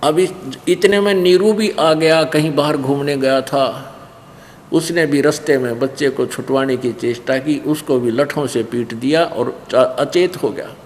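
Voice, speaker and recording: A man with a Haryanvi accent, a spiritual teacher telling a story in an animated sermon. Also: mid-range voice, a little slow. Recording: long hall reverb, faint noise.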